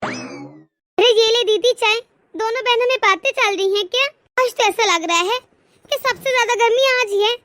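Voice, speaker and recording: A woman voicing a complaining, sharp-tongued young wife in a cartoon story. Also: very high-pitched, normal speed, no room sound. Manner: whiny, indignant.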